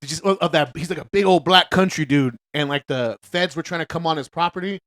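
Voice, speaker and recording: Animated, laughing male podcast co-host. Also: a little high, fairly quick. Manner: animated, profane, laughs often, acts out voices in stories. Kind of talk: casual chat, storytelling.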